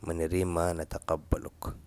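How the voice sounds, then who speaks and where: A man with a very low, deep voice gives a relaxed spoken language lesson. He explains patiently and says each example phrase several times. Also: normal speed, clean tone. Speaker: language teacher.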